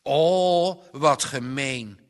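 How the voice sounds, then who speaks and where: A man voicing a small, earnest boy in a children's story, with a high childlike voice that speaks emphatically. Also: very slow, long reverb tail. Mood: indignant.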